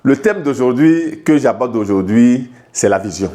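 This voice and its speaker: Unhurried and warm, a Togolese life coach with a medium pitch and lively intonation explains concepts in an informal video lesson. His tone toward the viewer is direct and familiar, though he stumbles over repeated words and restarts.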